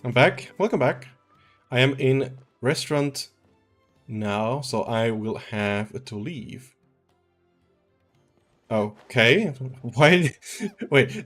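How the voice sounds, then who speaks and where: A man's voice: mid-range voice, lively intonation, slow pace, faint music behind. A man in his twenties from Switzerland, chatting casually and rambling through a game stream, chuckling now and then. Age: 20s. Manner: rambling, laid-back, chuckles often. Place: at home.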